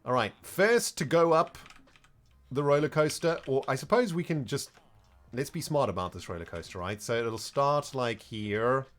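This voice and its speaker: A man's voice: mid-range voice, lively intonation, normal speed, a bit bright. A young man giving live gameplay commentary, mock-exasperated and scolding the characters in his game. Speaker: streamer.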